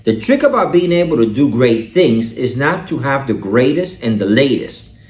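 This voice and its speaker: A man's voice: medium pitch, big pitch swings, moderate pace, darkish tone, echoey room. A man vlogging about his camera gear in a casual, chatty way, often asking "all right?", recorded on a camera-mounted shotgun mic. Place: outdoors or a room, filmed by his wife.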